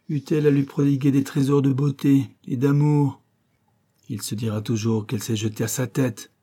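A man voicing a grave, bitter banker father. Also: natural voice. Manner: low, hushed and grave. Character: anxious, bitter middle-aged banker father. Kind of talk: audiobook character reading.

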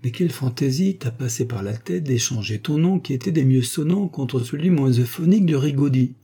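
A man voicing a shrewd lawyer on a secret errand, measured and businesslike. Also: medium pitch, lively intonation, warm tone, slightly rough. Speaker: character in an audiobook.

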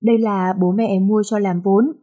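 A woman's voice: mid-range voice, steady tone, normal speed, dark tone, natural voice. Woman reading as a cocky rich young boyfriend. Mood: teasing. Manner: cocky, playful teasing. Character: teasing wealthy young man, the boyfriend.

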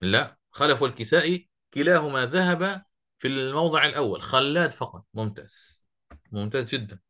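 A middle-aged man teaching Quran recitation to a class, quizzing students and slowly quoting verse lines. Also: medium pitch, expressive, pushed and bright. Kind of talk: classroom lesson.

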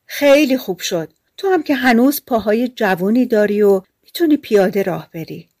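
A woman's voice: on the high side, expressive, a little mellow, dry recording, studio quality. A woman voicing an earnest, gullible peasant housewife in a storybook fairy tale, speaking eagerly.

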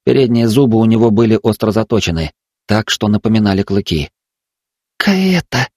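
A man narrating a dramatic story in a measured reading. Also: on the low side, mellow, no echo, clean studio sound.

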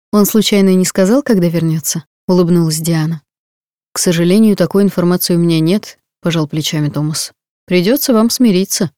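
A woman reading a novel aloud in an even, intimate storytelling manner. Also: on the low side, no room sound, clean studio sound. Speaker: audiobook narrator. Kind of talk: scripted audiobook narration.

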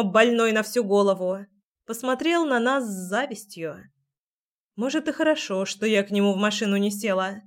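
Woman reading a wry story aloud. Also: medium pitch. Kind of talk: first-person audiobook narration.

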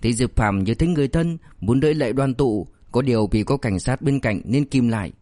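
A man narrating an audiobook in a steady storytelling manner. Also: medium pitch, a little fast, dry recording, clean studio sound. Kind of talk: scripted narration.

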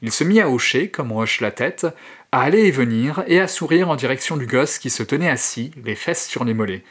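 A man and host narrating a horror short story in an expressive, theatrical way. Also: medium pitch, fairly quick, husky. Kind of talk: dramatic reading of a horror story.

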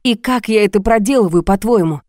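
A woman's voice: mid-range voice, fairly quick, a little mellow, dry recording, clean studio sound, voice pushed up, lightly acted. A woman reading an audiobook, voicing a tired young widow who speaks in a restrained way. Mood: weary. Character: weary frightened young widow.

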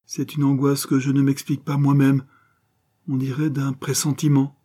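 A man's voice: lowish voice, fairly even intonation, moderate pace, a little mellow, breathy edge. A man voicing a worried aging father who speaks in anxious outbursts, in a storybook reading. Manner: anxious, rising to urgent outbursts.

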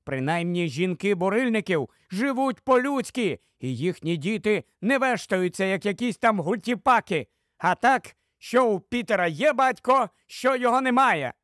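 A man reading an audiobook, voicing a sharp-tongued, nagging middle-aged wife with a shrill, scolding delivery. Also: lively intonation, moderate pace, no room sound, clean studio sound.

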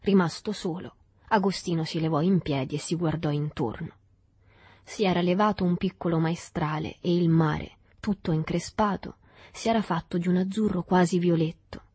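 A woman narrating a literary audiobook in a calm, measured reading. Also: lowish voice, slightly rough, dry recording. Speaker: audiobook reader.

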